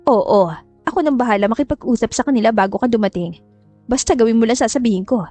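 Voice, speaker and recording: A woman's voice: on the high side, fast, mellow, soft background music, natural voice. A woman voicing a cold, manipulative mother who gives curt orders and coaxes her daughter. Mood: coaxing commands. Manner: curt, commanding, coaxing. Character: cold, scheming, chain-smoking mother.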